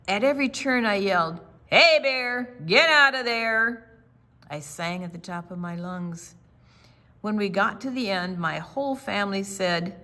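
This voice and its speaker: An older woman, acting as a storytime reader, reads a picture book aloud to children in a mid-range voice. Her phrasing is dramatic and deliberate, broken by quieter conversational asides.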